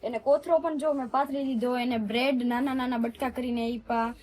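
A woman's voice: on the high side, fairly even intonation, fairly quick, darkish tone, slight background noise. A young woman co-hosting a family vlog. She chats casually and explains things at length.

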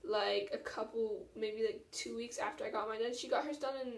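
A woman's voice: on the high side, fairly even intonation, normal speed, vocal fry. A teenage woman chatting casually and self-deprecatingly to camera as a vlogger, in an informal way. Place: small tiled washroom at home, indoors. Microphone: camera propped about arm's length away. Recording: echoey bathroom, distant mic.

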